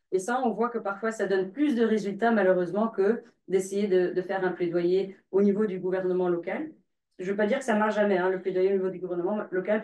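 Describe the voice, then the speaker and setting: A woman on a panel, answering in a measured, explanatory way. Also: mid-range voice, warm tone. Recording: roomy, from far off.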